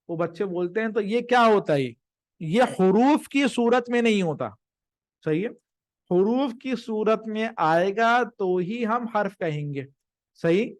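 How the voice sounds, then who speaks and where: A man giving a live grammar lesson, who explains patiently, slows down to stress each word of a definition and keeps checking with his listeners. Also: high-pitched, dry recording, studio quality. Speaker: teacher.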